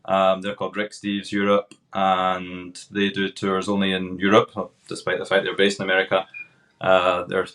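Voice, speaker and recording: Scottish man, 30s, low steady voice, easygoing interview guest. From Scotland, Glasgow. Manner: relaxed, unhurried, frequent hesitant fillers. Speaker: podcast guest, tour guide. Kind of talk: casual interview chat.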